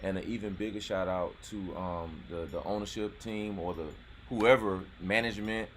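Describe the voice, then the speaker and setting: Low-pitched and steady, a man in his forties from North Carolina, US, talks at normal speed while hosting a relaxed, rambling live stream outdoors near a golf course. He keeps dropping "you know what I'm saying," and the background is noisy.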